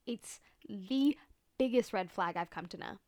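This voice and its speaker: A young woman chats alone into the mic like a podcast host, in a dry, close recording with no room sound. Her pitch sits in the middle for a woman. She talks in loose, slangy, profane sentences full of filler words and leans hard on exaggerated emphasis. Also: unhurried, darkish tone, no room sound. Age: young adult. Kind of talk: casual solo chatty monologue.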